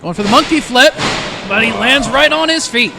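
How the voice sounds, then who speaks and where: A man calling a wrestling match play by play, narrating each move briskly. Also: extremely high pitch, animated, gravelly. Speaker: play-by-play commentator. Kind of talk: wrestling commentary. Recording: noisy arena feed.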